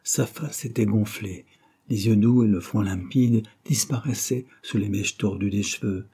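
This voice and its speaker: A man narrating a classic novel as a literary audiobook, in a measured and expressive reading. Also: fairly low pitch, husky.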